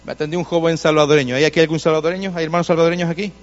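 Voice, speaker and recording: A man's voice: fairly high pitch, flat delivery, very fast, long reverb tail, muffled recording. A male pastor preaching a sermon in a church, telling stories to the congregation and addressing them directly, with insistent repetition.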